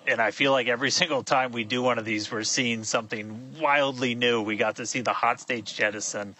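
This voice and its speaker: A man giving excited live commentary on a rocket launch, hurried and full of fillers. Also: medium pitch. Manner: excited, quick, with many fillers.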